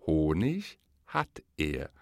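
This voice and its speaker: A man voicing a cunning, courteous male fox in an audiobook fable, smoothly flattering and scheming. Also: extremely low pitch, very slow, no echo, clean studio sound, heavily acted. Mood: sly. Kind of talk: audiobook reading of a verse fable.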